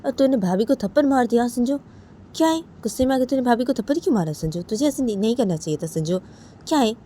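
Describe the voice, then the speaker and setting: A woman's voice: on the low side, fairly even intonation, moderate pace, dark tone, slight background noise, close to an everyday voice. A woman voicing a young man who chides his cousin for losing his temper, with repeated questions. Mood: chiding.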